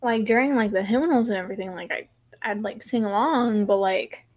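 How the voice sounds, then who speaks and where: Soft-spoken young woman saying "like" a lot. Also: medium pitch, brisk. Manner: soft-spoken, heavy use of "like". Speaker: podcast guest. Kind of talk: casual podcast chat.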